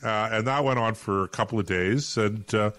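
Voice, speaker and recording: A man's voice: fairly low pitch, normal speed, a bit bright. A Canadian man co-hosting a talk podcast, telling a rambling anecdote full of restarts and fillers. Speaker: podcast co-host.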